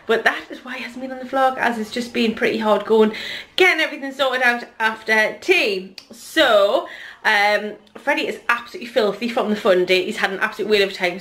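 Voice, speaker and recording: A woman's voice: on the high side, a bit bright. A woman in her thirties with a Geordie accent, chatting casually to her camera at home in a rambling family vlog. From North East England. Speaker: vlogger, mother.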